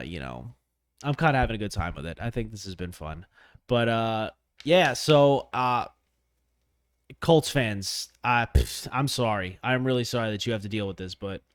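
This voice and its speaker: A man's voice: lowish voice, smooth, no echo. A man hosting a casual solo sports podcast, rambling with lots of fillers and restarts, sniffly from allergies, close on a microphone. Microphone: close studio microphone.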